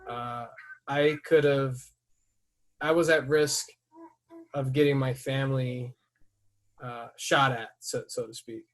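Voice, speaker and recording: A man hosting a podcast who tells a story in casual chat. He swears freely and breaks into loud, heated outbursts as he retells it. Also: mid-range voice, little pitch movement, slow pace, pauses often. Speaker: podcast host.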